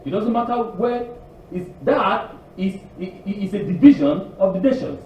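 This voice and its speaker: A man's voice: high-pitched, moderate pace, darkish tone, a little hiss or hum. A man preaching a sermon to a congregation, emphatic and repetitive, often restarting his words. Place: congregation hall. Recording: echoey hall from far off, dull.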